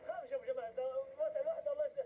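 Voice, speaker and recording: A man's voice: very high voice, very fast, mellow, a little hiss or hum. A young male with a Gazan Palestinian accent, speaking earnestly and insistently, repeating himself in an emotional interview.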